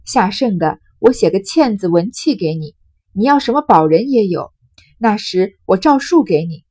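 A woman voicing a resentful scheming concubine, husky and pleading. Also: mid-range voice, animated, normal speed, warm tone, dry recording. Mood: urgent. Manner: pleading, urgent, persuading.

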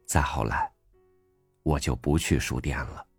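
Very deep-voiced man reading gently. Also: unhurried, creaky, husky, dry recording. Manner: gentle, reflective first-person reading. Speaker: audiobook host reading an essay. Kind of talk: scripted narration. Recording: dry studio voice over faint music.

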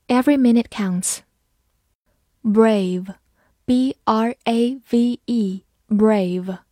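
A woman teaching English vocabulary, spelling out the letters of each word and reading the example sentences slowly, then repeating them. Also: medium pitch, darkish tone, no room sound, clean studio sound. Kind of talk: slow, deliberate vocabulary lesson.

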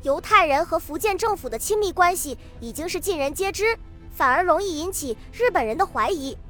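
Woman narrator voicing a cautious male banker, careful advice, very high bright read. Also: lively intonation, brisk, faint music behind.

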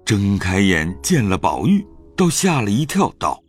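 Low-voiced expressive male narrator. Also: a little slow, slightly rough, faint music behind. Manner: expressive, animated storytelling. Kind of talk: scripted storytelling narration.

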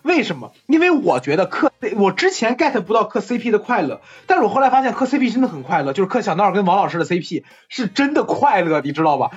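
Animated husky voice on a podcast chat, laughs a ton, muffled audio. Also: medium pitch, quick pace, few pauses. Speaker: podcast co-host. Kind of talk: casual chat commentary.

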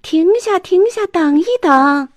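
A woman's voice: sits high, sing-song, moderate pace, darkish tone, dry recording, pitched above the performer's own voice. A woman voicing a polite, anxious young schoolboy in a children's storybook reading, earnest and pleading. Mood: urgent.

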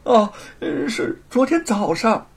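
A man voicing a scheming, sharp-tongued woman villain in a storytelling performance, with a husky voice. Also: big pitch swings, takes it slowly, full character voice. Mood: terrified. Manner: mocking, shrill, then cowering.

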